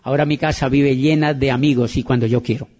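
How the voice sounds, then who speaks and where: A man's voice: mid-range voice, steady tone, fast talker, darkish tone, slightly rough. A man giving an emphatic motivational talk to an audience, repeating his points and acting out conversations. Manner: emphatic and repetitive, acts out dialogue. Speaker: motivational speaker. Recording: dull lo-fi recording.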